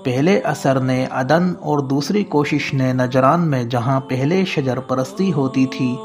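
A man giving formal, measured scripted narration of a religious story. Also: medium pitch. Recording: faint background music.

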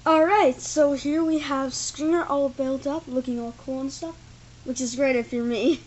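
Filmed by a tripod camera with its built-in mic, a woman rambles loosely through a toy review in a carpeted indoor room, saying "like" and "thing" a lot. Her high-pitched, darkish voice holds a steady tone at moderate pace, with a little hiss or hum on poor-quality audio.

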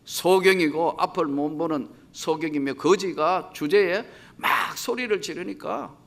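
A man preaching a sermon as pastor, swinging between loud acted-out cries and quiet low asides. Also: a little slow, vocal fry. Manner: dramatic, shifting between shouted quotes and low asides.

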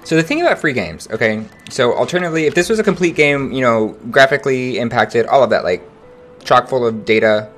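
A young man streaming a game, chatting casually with viewers in an animated, slangy way. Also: mid-range voice, fairly quick, soft background music. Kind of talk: casual livestream chat.

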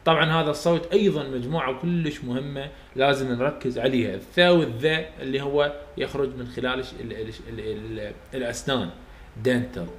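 A man's voice: medium pitch, fast talker, reverberant, slight background noise. A man with an Iraqi Arabic accent teaching English phonetics, explaining step by step and repeating sounds aloud for students to copy. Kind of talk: recorded lecture for students.

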